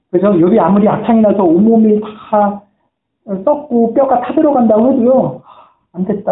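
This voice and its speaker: A man preaching a sermon as a pastor, earnest and telling stories in which he quotes people's words. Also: high-pitched. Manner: earnest storytelling, quoting voices. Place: church sanctuary. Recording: echoey room on a tinny phone-like line.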